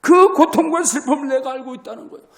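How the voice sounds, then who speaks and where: A man's voice: very high-pitched, fast. A man preaching a dramatic sermon as a pastor, acting out scripture as he talks. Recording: echoey hall with long reverb.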